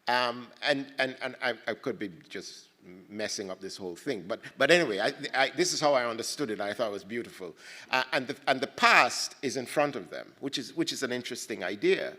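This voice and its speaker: A man from Ghana muses through a panel talk, stumbling over words and restarting as he gathers his thoughts. His voice is bright and ringing, and it hangs in the long reverb of a big hall. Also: medium pitch, lively intonation. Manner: halting, many restarts, thoughtful. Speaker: panel speaker at a poetry festival.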